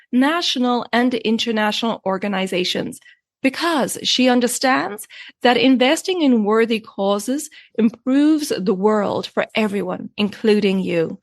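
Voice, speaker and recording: A woman hosts a podcast in a measured, even way. Her voice sits a little high, and the room sounds dry and close with no echo. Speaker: podcast host. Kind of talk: scripted podcast intro and interview.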